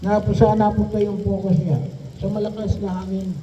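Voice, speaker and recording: A priest giving a homily, often pausing on tag questions. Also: male voice, sits high, little pitch movement, mellow. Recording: echoey room from a distance, dull sound, faint noise.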